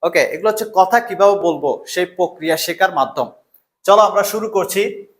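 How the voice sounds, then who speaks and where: A man's voice: sits high, fairly quick. A young man teaching an English grammar lesson, explaining patiently step by step and answering his own questions. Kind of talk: classroom lesson in Bengali.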